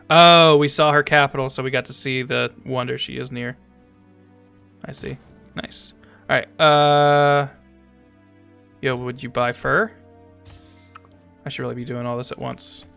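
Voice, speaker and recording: A man streaming a strategy game, chatting casually, thinking aloud, talking to his chat, and sometimes reading game text aloud slowly. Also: medium pitch, little pitch movement, creaky, bright, forceful tone, clear, resonant tone, faint music behind. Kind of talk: casual gameplay commentary.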